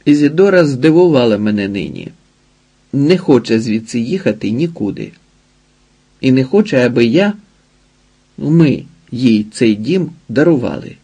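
A man's voice: mid-range voice, very animated, normal speed, long pauses, dark tone, husky. A male audiobook reader voicing a brash, mocking man in a raised, teasing voice. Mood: blunt.

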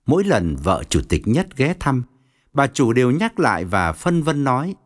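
A male storyteller reading an audiobook with a wry edge. His pitch is mid-range, but his delivery is highly animated and swings widely. He keeps the tale moving with expressive narration. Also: normal speed.

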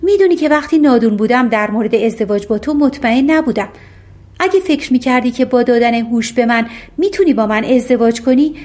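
A sharp-witted young princess speaks frankly and presses with questions, as a woman narrator puts her on. Her voice is high and bright. It comes from a storybook audiobook.

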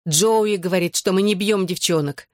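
A man's voice: sits high, no room sound, studio quality, close to an everyday voice. A man doing a defiant young boy. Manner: slow, firm, defiant delivery. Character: defiant eleven-year-old boy standing up to father.

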